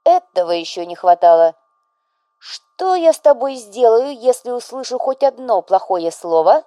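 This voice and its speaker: A woman's voice: fairly high pitch, very animated, moderate pace, mellow, no echo, clean studio sound, voice pushed up. A woman voicing an overbearing, melodramatic widowed mother who scolds and presses her grown son, in an audiobook. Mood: stern.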